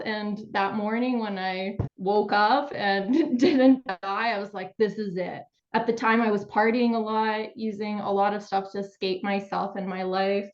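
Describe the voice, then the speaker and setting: Candid Ukrainian-born woman guest, dull audio. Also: mid-range voice. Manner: candid, open storytelling. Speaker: guest, somatic therapist and coach. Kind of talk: interview over a call.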